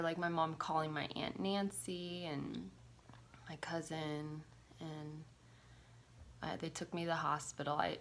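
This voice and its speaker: A woman's voice: sits low, creaky, a bit bright. A woman vlogger telling a personal story to camera, in a casual, confessional way with many filler words and casual swearing.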